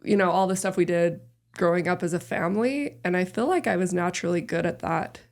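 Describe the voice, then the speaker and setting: A woman in her thirties with a deep voice, chatting casually and rambling a little as a podcast guest. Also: brisk. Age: 30s. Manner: relaxed, rambling, many fillers. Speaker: podcast guest, host's sister. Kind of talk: casual family chat.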